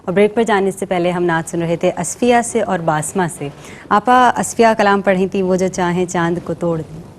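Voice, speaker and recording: A woman's voice: fairly low pitch, a little hiss or hum. A woman hosting a religious TV program, speaking politely with formal, pious phrasing. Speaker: host. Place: TV studio.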